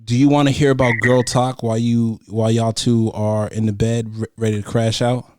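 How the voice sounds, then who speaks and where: A man hosting a casual chat show, talking like a frat bro in slangy bro talk with drawn-out emphasis. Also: medium pitch, little pitch movement, background noise.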